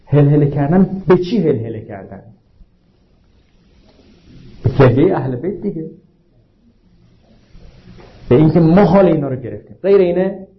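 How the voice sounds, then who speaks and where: Male preacher, high voice, religious sermon, rhetorical questions, slows down to stress quotes, dull lo-fi sound. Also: lively intonation, slight background noise. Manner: asks the audience frequent rhetorical questions; slows down to recite and stress quotations. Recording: dull lo-fi recording.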